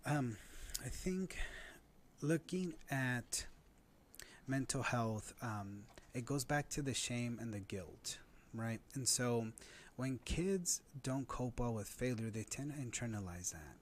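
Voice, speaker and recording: A man's voice: medium pitch, expressive, takes it slowly, slight background noise. A man in his thirties explaining parenting ideas in an earnest conversational way, often tagging points with "right?". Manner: earnest, uses "right?" as a tag. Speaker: guest expert on parenting.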